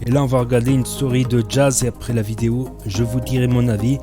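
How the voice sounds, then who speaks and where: A man's voice: mid-range voice, flat delivery, fast talker, music in the background. A man casually introducing a reaction video as its host. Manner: casual, plain spoken.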